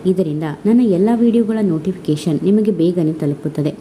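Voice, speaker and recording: A woman narrating a family story in a steady, literary reading style. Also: lowish voice, a little fast.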